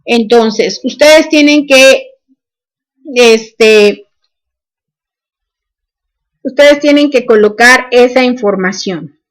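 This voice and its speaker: A woman's voice: a little high, extremely slow, pauses often. A woman, teaching a programming class and dictating each step with "este" fillers. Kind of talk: screen-recorded coding lesson.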